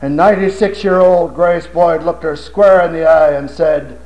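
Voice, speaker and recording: High-voiced impassioned preacher, audience laughing. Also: male voice, moderate pace, darkish tone, dull audio. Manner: impassioned, rhetorical questions, storytelling. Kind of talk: sermon.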